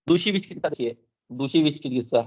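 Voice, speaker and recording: A man's voice: fairly high pitch, lively intonation, very fast, darkish tone. A man teaching Ayurveda for exams, reading Sanskrit verses and explaining them line by line, repeating key terms and often checking in with his students. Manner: mixes in English terms, frequent "theek hai" check-ins. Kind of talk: exam-focused lecture. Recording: dull lo-fi sound.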